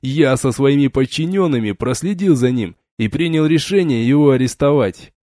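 A man voicing a blustering, hotheaded male colonel with a loud, barking delivery for an audiobook. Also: medium pitch, animated, moderate pace, no echo, clean studio sound, close to an everyday voice. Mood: insistent. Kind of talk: audiobook character reading.

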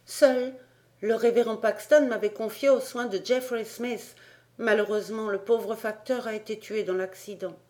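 Jeune garçon pieux à la voix douce, joué par une lectrice, un peu aigu. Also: female voice, on the high side, fairly even intonation, normal speed, natural voice. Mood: gentle. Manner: soft, gentle. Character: calm, devout young native boy.

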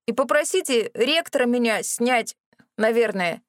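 A woman's voice: fairly high pitch, expressive, measured pace, dry recording, studio quality, voice pushed up. A woman voicing a cowardly, fussy male ghoul who protests shrilly and indignantly. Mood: wailing.

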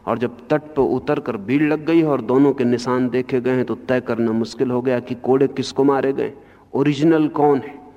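A man giving a spiritual discourse, speaking slowly and with emphasis, his voice rising sharply on key points, in a lo-fi archival recording. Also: medium pitch, fairly even intonation, warm tone. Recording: lo-fi archival recording in a long-reverb hall.

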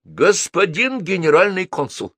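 A man voicing an energetic elderly grandmother in an audiobook, shouting insistently. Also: high-pitched, measured pace, no room sound, studio quality, pitched above the performer's own voice, exaggerated voice.

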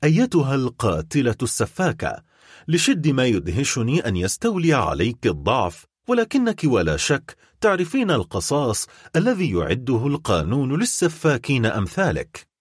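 A man's voice: mid-range voice, huge pitch swings, husky, dry recording, clean studio sound. A man playing a stern, cold prosecutor. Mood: accusing. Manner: grave, accusing, measured. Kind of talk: audiobook character voice.

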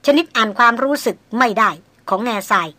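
Woman audiobook narrator, bright, slightly high, measured literary reading, dry close sound. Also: dry recording. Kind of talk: scripted novel narration.

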